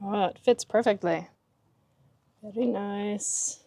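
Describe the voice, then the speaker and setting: Speaking slowly in a mellow, mid-range voice, this forties-aged vlogger casually walks through a do-it-yourself car project. She's talkative and laughs a lot, filming both in her SUV and under a carport.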